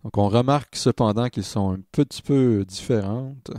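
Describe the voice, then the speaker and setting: Explaining music production software informally, a tutor with a Quebec French accent speaks in a mid-range voice, hesitating between thoughts. Background noise can be heard.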